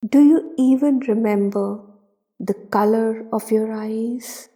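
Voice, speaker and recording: A woman guides a meditation in a soothing, deliberate way, with long pauses between short phrases. Her voice sits on the high side and has a dark tone.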